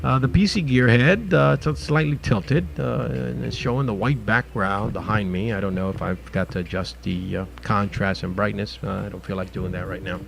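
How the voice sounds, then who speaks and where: A man hosting his own show in a rambling, informal and opinionated monologue, halting and then stressing words emphatically. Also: fairly low pitch, steady tone, gravelly, a little hiss or hum. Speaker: host of a local online show.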